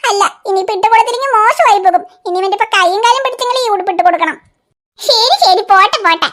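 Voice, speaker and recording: A woman's voice: very high-pitched, rapid-fire, fairly bright tone. A woman voicing a fussy, proud old grandmother in a cartoon, coaxing a grandchild and then scolding and pitying herself. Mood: fretting. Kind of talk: cartoon voice acting.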